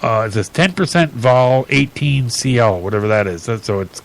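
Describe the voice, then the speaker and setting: A male radio host working through offbeat news items at an easy, chatty clip. He stumbles and restarts often, filling gaps with ums and uhs, and his voice sits at an ordinary middle pitch. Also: rough recording. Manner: chatty, halting with many fillers and restarts. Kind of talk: reading odd news stories on radio.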